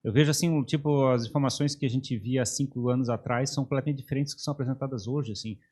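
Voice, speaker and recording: Co-host, rapid-fire delivery, husky tone, thinks out loud. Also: mid-range voice, fairly even intonation. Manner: rushed, searching for words. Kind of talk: casual interview chat.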